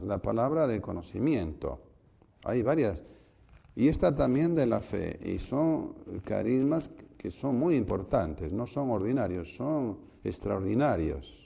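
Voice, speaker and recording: A man, a priest, giving a spiritual retreat conference, telling stories and acting out voices with sudden shouts. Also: lowish voice, gravelly. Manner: storytelling, acts out voices with loud shouts.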